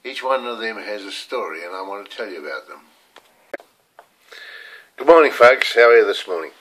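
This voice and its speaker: A man's voice: on the low side, animated, moderate pace, fairly bright tone, a little hiss or hum, poor audio. A man in his seventies with a New Zealand accent, talking candidly to camera at home in a rambling personal video diary, swearing casually. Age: 70s. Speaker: video diarist. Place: room at home.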